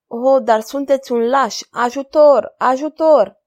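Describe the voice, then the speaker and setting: A woman's voice: darkish tone, muffled recording, natural voice. A woman reading aloud who voices a frightened but defiant young duchess in a storybook reading. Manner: high, urgent, pleading.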